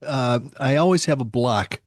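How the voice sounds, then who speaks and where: A man's voice: medium pitch, lively intonation, moderate pace, no echo. A man hosting a podcast in casual chat, wordy, playful and self-deprecating, speaking close to the microphone. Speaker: podcast host.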